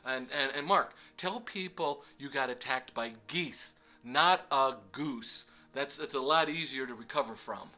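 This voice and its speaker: A man's voice: medium pitch, a little slow, few pauses, sharp tone. A man voicing a joking, amused male coworker.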